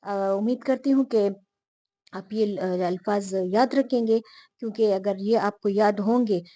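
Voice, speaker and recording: A woman teacher explaining a lesson to her viewers, repeating the key terms slowly and pausing often with fillers. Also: mid-range voice, dark tone, dry recording. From Pakistan.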